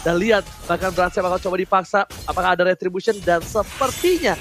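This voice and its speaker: A very high, bright and forceful Indonesian male voice calls a live match. He is a hyped fighting game announcer, firing off the action as an esports caster, with music playing behind him. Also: fast talker. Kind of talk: live play-by-play commentary.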